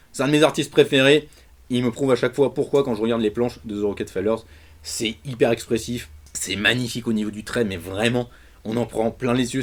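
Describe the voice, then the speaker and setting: French man enthusing about comics. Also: mid-range voice. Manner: animated, colloquial, emphatic. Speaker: comics reviewer. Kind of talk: casual enthusiastic video review.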